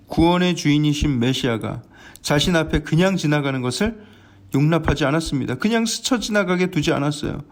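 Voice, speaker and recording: Male pastor, earnest dawn sermon, fairly high voice, lively delivery. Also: a little fast. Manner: earnest, animated, acts out scenes. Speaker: senior pastor.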